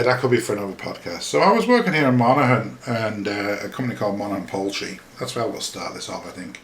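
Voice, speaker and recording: A middle-aged podcast host from Yorkshire, England, whose Yorkshire accent carries a slight Liverpool tinge, rambles casually over a screen-shared map. His fairly low voice is chatty and self-deprecating, full of fillers and restarts, recorded in an echoey room with a little hiss or hum.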